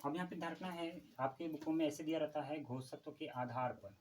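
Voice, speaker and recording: A man teaching a Hindi grammar lesson for exam preparation, asking questions and answering them himself and repeating key terms slowly. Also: on the high side, a little mellow, slight background noise, low-quality recording.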